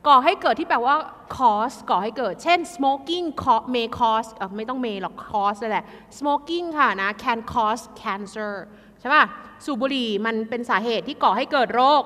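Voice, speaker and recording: Woman, exam tutor, lively chatty delivery, bright voice, long reverb. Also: a little high. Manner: lively, chatty, talks to students as kids.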